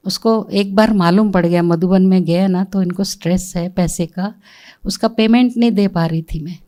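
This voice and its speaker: A middle-aged woman, a spiritual center administrator, telling a storytelling talk and quoting people in dialogue. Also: mid-range voice. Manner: animated, quotes people in dialogue.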